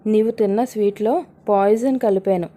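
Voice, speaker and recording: A woman's voice: medium pitch, steady tone, moderate pace, dark tone, close to an everyday voice. A woman voicing a bold, scheming young woman who talks in a pushy, commanding way. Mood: threatening.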